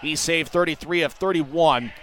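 A man calling rapid hockey play-by-play as the announcer, excitable and given to shouting on goals. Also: on the high side.

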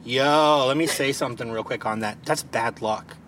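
A Maryland man with a Baltimore accent and a medium-pitched voice hosts a casual podcast at normal speed from a parked car. He jokes and swears freely, recorded on a home podcast mic against a noisy background.

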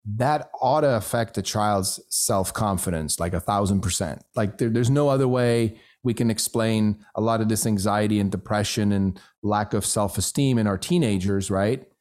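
Raised in Switzerland with German as his first language, this man chats casually, his pitch rising emphatically on key points. He speaks at a moderate pace with few pauses and sounds a little mellow.

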